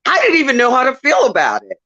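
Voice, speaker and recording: A woman from the Southern United States calls into a show for a casual, emotional chat, laughing often. Her high, bright voice swoops wildly in pitch and comes out fast and forceful, on a lo-fi recording.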